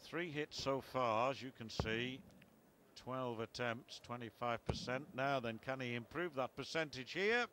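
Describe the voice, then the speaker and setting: A man's voice: mid-range voice, unhurried. A man giving darts commentary on television with conversational asides. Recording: clearly noisy broadcast with arena ambience.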